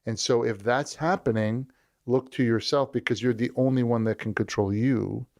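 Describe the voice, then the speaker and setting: A man talking as an interview guest, with an animated storytelling manner. He acts out the voices of people he quotes, and his pitch moves around a lot as he explains his points. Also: normal speed. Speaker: leadership strategist guest. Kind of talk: conversational interview.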